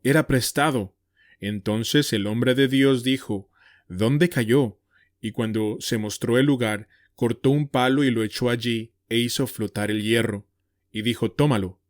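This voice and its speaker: A man giving a measured, scripted Bible reading with slowed quoted lines. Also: medium pitch, dry recording, clean studio sound. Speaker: Bible reader.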